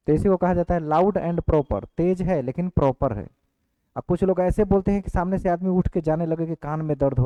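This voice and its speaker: A male teacher giving an online exam-prep class, dictating points slowly and repeating each one. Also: fairly high pitch, no room sound. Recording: dry, phone-like lo-fi audio.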